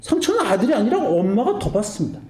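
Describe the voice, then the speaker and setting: A pastor in his forties preaches a sermon in a high, fast voice, acting out family quarrels in quoted voices with animated energy. The room is echoey.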